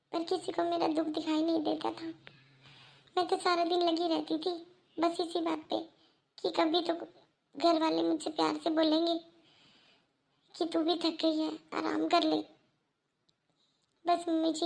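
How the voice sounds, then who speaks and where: A woman's voice: extremely high pitch, creaky, darkish tone, heavily acted. A woman voicing a young orphaned daughter-in-law in a cartoon, dutiful and sorrowful, who pleads earnestly. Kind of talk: Hindi cartoon voice acting.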